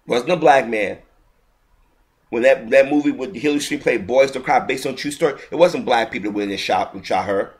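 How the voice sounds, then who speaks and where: This man's mid-range voice runs a little fast as he rants through a heated video commentary. Indignant and repetitive, he often abandons sentences partway and begins again.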